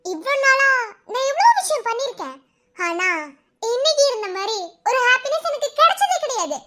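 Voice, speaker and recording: A woman's voice: very high voice, very animated, normal speed, very noisy. An actress playing a vengeful, scheming wife who taunts her husband with mocking laughter. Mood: gloating. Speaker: villain. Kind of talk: TV serial dialogue.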